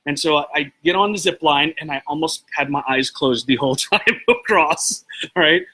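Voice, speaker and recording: A man hosting a live video show, telling a story to his viewers in a rambling, excitable way and stopping to greet people by name. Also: fairly high pitch, moderate pace, husky, rough recording. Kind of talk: casual motivational talk to live viewers.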